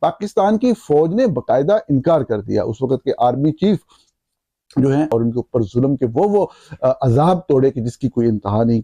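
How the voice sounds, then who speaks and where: A man's voice: medium pitch, mellow, dry recording. A man giving emphatic political commentary with rhetorical questions. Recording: dull, muffled, dry audio.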